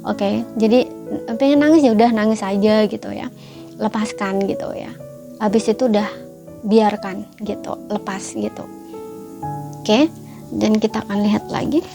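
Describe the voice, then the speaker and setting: A woman giving a tarot reading in a gentle, repetitive, coaxing way, full of fillers. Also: mid-range voice, steady tone, moderate pace, vocal fry, pauses often, over music. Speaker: tarot reader. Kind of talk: casual spoken tarot reading.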